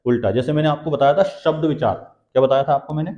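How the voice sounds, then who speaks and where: A man's voice: a little high, quick pace, mellow. A man teaching Hindi grammar for exam prep, who asks questions and answers them himself and repeats the key terms. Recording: dull, echoey classroom sound.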